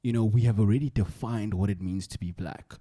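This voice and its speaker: A man's voice: fairly low pitch, steady tone, brisk, dark tone, no echo, studio quality. A young man with a South African accent hosting a podcast in casual, slangy chat, often repeating his phrases. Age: young adult. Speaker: podcast host.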